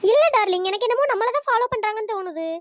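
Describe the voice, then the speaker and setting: A performer voicing a clingy young girlfriend in a cartoon, sweet and cooing, with a pitch-shifted voice. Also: very fast, background noise. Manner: sweet, cooing, calls him darling. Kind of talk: cartoon comedy voice acting.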